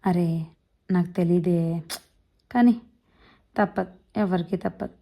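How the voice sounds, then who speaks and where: A woman voicing a blunt, brisk old man in his seventies with a ringing voice, rattling off fast village speech. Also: on the low side, steady tone, gravelly, dark tone, heavily acted. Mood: hearty.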